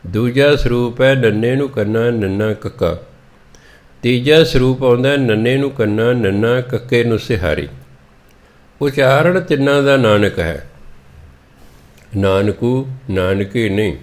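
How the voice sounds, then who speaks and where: Slow, low-voiced man expounding scripture. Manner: repeats each verse slowly, spelling words letter by letter; deliberate, instructive tone with gentle appeals to listeners. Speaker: Sikh preacher explaining scripture.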